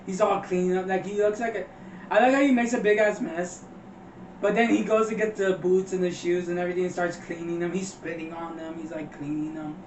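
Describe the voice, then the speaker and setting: A man's voice: sits high, fairly even intonation, fairly quick. A man co-hosting a casual movie review, retelling scenes loosely and laughing as he quotes the characters. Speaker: podcast co-host. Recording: dull, far-off roomy mic with faint noise.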